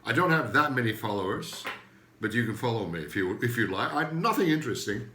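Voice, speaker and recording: A man's voice: mid-range voice, very animated, a little fast, sharp tone, reverberant, slight background noise. An older man from Turkey with a Turkish accent, a native Turkish speaker, hosting a rambling, joking comedy monologue that often loses its thread. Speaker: comedian host.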